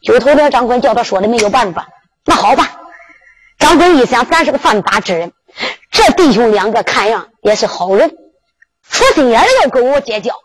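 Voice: mid-range voice, expressive, a little fast, low-quality recording. A storyteller with a Henan accent, chanting and narrating a Henan zhuizi tale.

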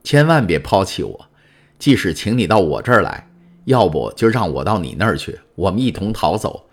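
A man's voice: low voice, big pitch swings, moderate pace, full character voice. A man voicing a desperate young male sailor locked in prison, pleading and impassioned in an audiobook reading. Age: 20s. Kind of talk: audiobook character voice.

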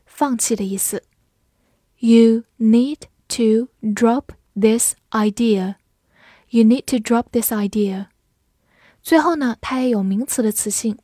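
A woman with a slightly high voice gives a scripted vocabulary lesson at a slow, careful pace. She spells each word letter by letter and reads the example sentences slowly. The sound is dry and close, with no room echo. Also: mellow. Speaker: English vocabulary teacher.

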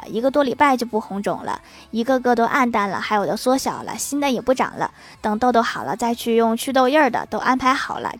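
Playful woman host, light and a bit high-pitched, chatty comic reads. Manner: playful, laughs while reading jokes. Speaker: podcast host reading listener messages. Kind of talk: casual comic show reading.

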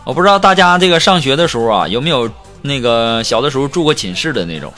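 A man's voice: mid-range voice, lively intonation, fast. A man hosting a comedy show, telling funny anecdotes with laughing asides. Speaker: comedy podcast host. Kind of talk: joke storytelling. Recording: music bed behind voice.

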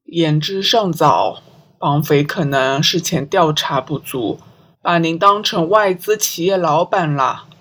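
A woman reading an audiobook, voicing a calm and analytical male police inspector who speaks in a measured way. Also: low-pitched.

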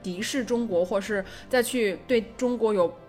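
A woman's voice: medium pitch, moderate pace, darkish tone, soft background music. A woman from China co-hosting a casual podcast, speaking in a reflective, chatty way. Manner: chatty, reflective, many fillers like "其实". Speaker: podcast co-host. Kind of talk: casual conversational podcast chat.

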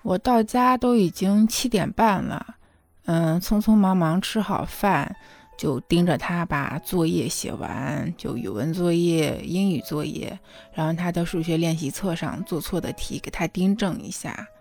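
A woman's voice: lowish voice, a little slow, darkish tone. A woman in her thirties, a mother telling a personal story in an earnest, emotional, confiding way, often checking in with the listener. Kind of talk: confiding spoken monologue.

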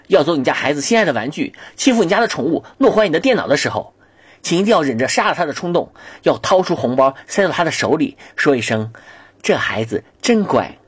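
A man delivering a satirical comedy monologue in a mock-serious, exaggerated storytelling way. His pitch swings widely and his voice has a husky grain. The recording is close and dry. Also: dry recording. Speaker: comedic narrator.

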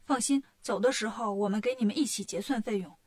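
A woman's voice: mid-range voice, fairly quick, a little mellow, lightly acted. A woman voicing a boastful, cheeky male monkey king who talks brashly and teases. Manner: brash, bragging and teasing.

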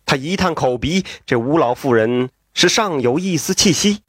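A man telling a story in a traditional storytelling style, lively with folksy asides and exclamations. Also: fairly high pitch, normal speed, husky, dry recording, clean studio sound.

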